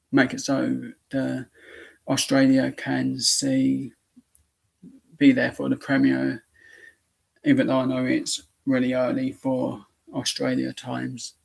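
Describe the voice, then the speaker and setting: A man chatting casually to viewers on a live stream, his voice going hoarse, speaking haltingly with frequent restarts. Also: mid-range voice, low-quality recording.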